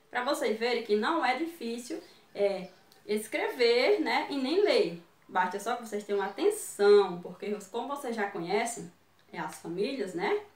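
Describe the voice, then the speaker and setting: Slow, patient Brazilian woman teacher. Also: fairly high pitch, echoey room, distant mic. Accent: Brazilian Portuguese. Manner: slow, patient, sounding out syllables and letters. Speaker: children's teacher. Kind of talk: online lesson for young children.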